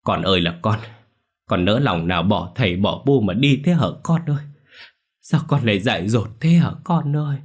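A man's voice: lowish voice, animated, moderate pace, breathy edge. A man voicing grieving parents who wail and lament over their dead child. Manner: wailing, lamenting.

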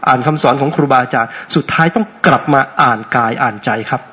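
A man's voice: mid-range voice, fast, sharp tone. A man giving an interactive dharma talk as a meditation teacher, playful and often checking in with questions. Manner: asks frequent rhetorical check questions; playful, teasing with audience.

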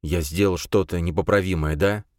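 A man's voice: low voice, fairly even intonation, normal speed, a little mellow, no room sound, studio quality, natural voice. A man voicing a bewitched, confused young man who speaks earnestly and with anguish.

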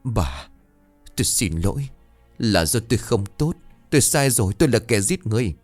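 A man's voice: sits low, animated, brisk, darkish tone, dry recording. A guilt-ridden middle-aged father pleads and stammers through tears, as a male storyteller voices him. The voice rises and falls with real motion. Faint music plays beneath the audiobook reading. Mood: pleading, sobbing.

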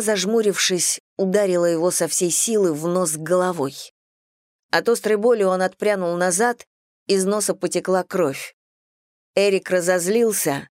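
Low-voiced woman narrating a story. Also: a little mellow, no echo, clean studio sound. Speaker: audiobook narrator. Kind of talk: scripted narration.

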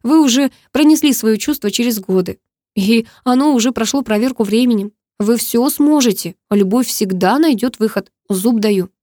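A woman's voice: fairly high pitch, normal speed, warm tone, dry recording, studio quality, natural voice. A woman voicing a blunt, loyal young female friend who talks frankly and reassuringly, in audiobook dialogue.

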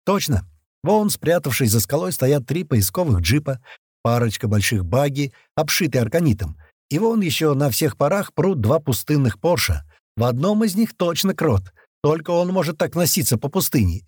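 A man narrating a first-person action audiobook, acting out the crew's shouted lines as he reads. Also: on the high side, moderate pace, breathy edge, dry recording, clean studio sound. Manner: lively, voices the gang's shouts in character.

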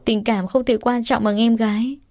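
A woman reader voicing a heartbroken young woman who speaks quietly and holds back tears. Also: on the high side, fairly even intonation, normal speed, no room sound, clean studio sound, close to an everyday voice. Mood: sad.

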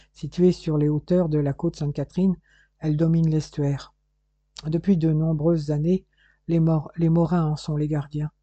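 A man's voice: on the high side, mellow, dry recording, lo-fi sound, lightly acted. A man voicing an eminent researcher and loving husband in an audiobook, read in an assured tone.

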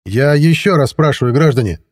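A man voicing a loud, bossy police sergeant who barks rough, crude threats. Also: on the high side, big pitch swings, brisk, voice pushed up. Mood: barking, threatening.

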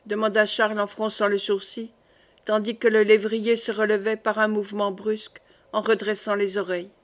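A woman narrating a classic novel as an audiobook, in a steady, clear reading. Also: mid-range voice, moderate pace.

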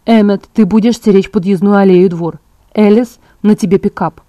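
A woman's voice: medium pitch, steady tone, moderate pace, mellow, no room sound, muffled recording, close to an everyday voice. A woman reading an audiobook, voicing a protective young male vampire who gives firm orders. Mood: planning.

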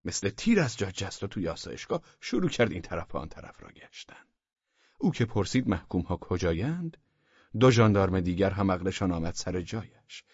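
A man narrating a humorous story as an audiobook, in a warm, measured way with soft half-whispered passages. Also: low voice, very animated, husky, no echo. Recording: dull lo-fi dry audiobook recording.

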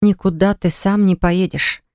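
A woman's voice: medium pitch, steady tone, a little slow, a little mellow, clear, resonant tone, no echo, studio quality, lightly acted. A woman playing a firm, unruffled young woman.

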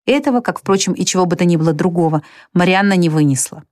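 A woman narrating a literary audiobook in a measured, even way. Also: lowish voice, dry recording, clean studio sound.

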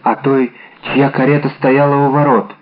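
Man voicing a fragile young woman, soft and pleading, no big voice change, dull recording. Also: mid-range voice, little pitch movement, moderate pace, natural voice. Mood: anxious. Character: young woman, frail and devoted. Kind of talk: audiobook character reading.

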